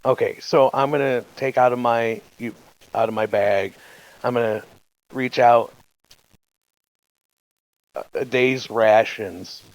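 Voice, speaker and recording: A man's voice: medium pitch, steady tone, slow pace, long pauses, dry recording, lo-fi sound. A man playing a tabletop game, talking casually and asking the game master lots of questions. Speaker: player.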